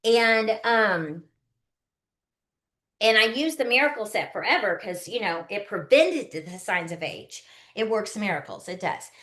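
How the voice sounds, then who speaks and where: A woman in her early fifties, working as a skincare consultant, gives a chatty live online demonstration and frequently checks on her audience. Her medium-pitched voice is expressive and fairly bright, and she's unhurried.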